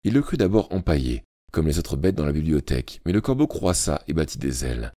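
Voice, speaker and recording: Man, audiobook narration, very low dark voice, lively and dramatic, dry close sound. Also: a little fast, dry recording. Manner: expressive, dramatic storytelling.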